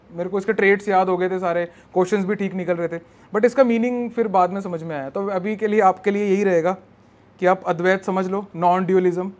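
A high-pitched male teacher lectures in a mix of Hindi and English, switching between the two. He slows down to spell out terms and keeps checking in with his students. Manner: mixes Hindi and English, spells words out slowly, checks with "right?". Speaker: exam prep teacher. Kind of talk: recorded classroom lecture.

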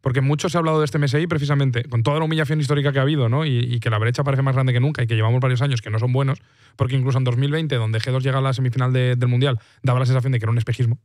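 A man from hosting a casual esports podcast, animated, and acting out what people say in quick bursts. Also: mid-range voice, no echo, clean studio sound. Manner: rapid, animated, acts out quoted reactions.

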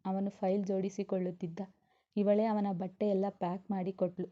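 A woman storyteller reading a serialized romance novel aloud in a steady, expressive way. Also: medium pitch, fairly quick, muffled recording.

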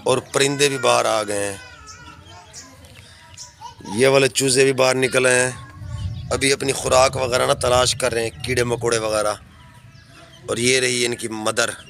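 A village vlogger with a Pakistani Urdu accent films and narrates a casual clip outdoors in a rural courtyard while it rains. His medium-pitched voice is gravelly and fairly bright, with a flat, slightly slow delivery and long pauses. He's chatty and devout, frequently saying "mashallah."

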